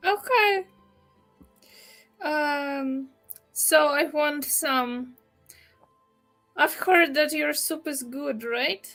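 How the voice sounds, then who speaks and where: Girl player in a tabletop rpg, high voice, slow n hesitant, soft music behind. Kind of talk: casual in-game roleplay.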